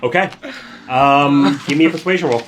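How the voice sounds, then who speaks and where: A man's voice: a little high, normal speed, a little hiss or hum, poor audio. A man working as game master, telling the story of a tabletop game in a casual, improvised, conversational way.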